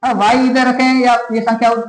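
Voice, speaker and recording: High-voiced man teaching math, echoey room. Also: flat delivery, moderate pace. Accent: Rajasthani Hindi. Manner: addresses students repeatedly, checks for doubts. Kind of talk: classroom math lesson.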